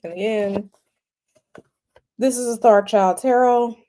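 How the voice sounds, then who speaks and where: Sniffly with a cold, a woman with a fairly high, mellow voice runs a tarot livestream. Her casual talk is halting and repetitive, with many fillers.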